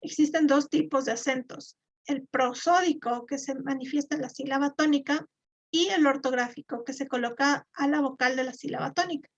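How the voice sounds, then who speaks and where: A woman's voice: high-pitched, moderate pace. A woman, teaching a live online class and explaining step by step with fillers and repeated words. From Ecuador. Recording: dull lo-fi.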